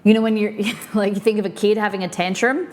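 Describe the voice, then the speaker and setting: A woman's voice: medium pitch, steady tone, fast talker, a little mellow, slight background noise. An Australian woman streaming live, chatting casually and explaining slang with lots of fillers and restarts. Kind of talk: casual chat.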